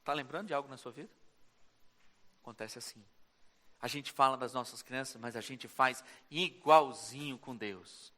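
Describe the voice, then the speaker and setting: A man's voice: mid-range voice, moderate pace, sharp tone. A male pastor with a Brazilian Portuguese accent preaching a sermon in a church, acting out short dialogues as he goes. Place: church sanctuary. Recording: church hall reverb.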